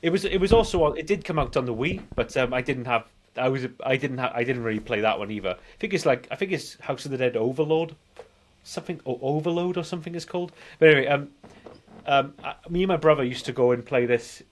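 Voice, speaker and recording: Talking fast in a mid-range voice, a British forties-aged man rambles nostalgically as he chats casually on his film review podcast, where he's a co-host.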